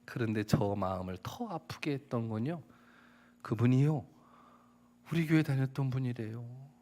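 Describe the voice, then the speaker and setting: Here a middle-aged pastor delivers a sermon at a moderate pace in a medium-pitched voice. He weaves in personal stories, voices the quoted dialogue, and occasionally raises his voice to a shout.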